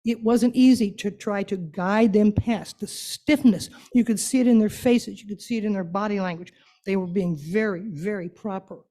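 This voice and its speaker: A guest speaker leading an interactive church talk, this woman addresses a group informally, playful and conversational, coaxing them to join in. Her voice is medium-pitched, steady and mellow, at normal speed.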